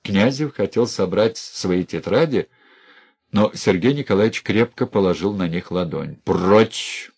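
Husky man reading a story dramatically. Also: on the low side, animated, normal speed, a little mellow. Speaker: narrator. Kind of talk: expressive literary reading.

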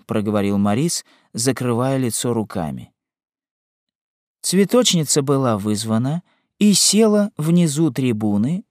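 Slow, expressive male narrator. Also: mid-range voice, no echo, studio quality. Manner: expressive, unhurried. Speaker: audiobook narrator. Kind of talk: scripted narration of a classic novel.

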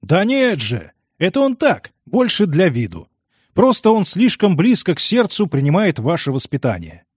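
Man voicing a jovial stout old gentleman. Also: sits high, huge pitch swings, normal speed, breathy edge, no room sound, studio quality, voice pushed up, heavily acted. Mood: persuasive. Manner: warm, eager, laughing.

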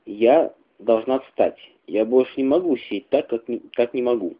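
A man's voice: mid-range voice, normal speed, natural voice. A man reading a weary, dry-spoken young wife. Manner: dry, restrained. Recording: tinny phone-like radio recording.

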